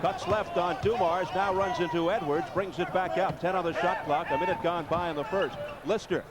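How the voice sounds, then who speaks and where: Brisk male basketball play-by-play announcer. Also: sits high. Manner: brisk, excited calls of the action. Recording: old broadcast audio.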